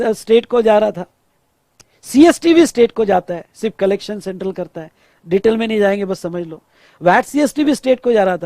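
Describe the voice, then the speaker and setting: A man teaching a tax lecture, animated, acting out officials' dialogue and slowing down on key words. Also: very high voice, no room sound, studio quality. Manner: stretches words slowly for emphasis. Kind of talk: classroom lecture.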